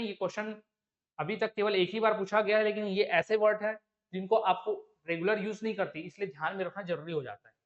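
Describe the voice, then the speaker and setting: Man teaching Hindi spelling, high voice. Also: fairly bright tone, highs cut off. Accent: Chhattisgarhi Hindi. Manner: explains step by step, asks rhetorical check questions. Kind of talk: exam-prep lesson.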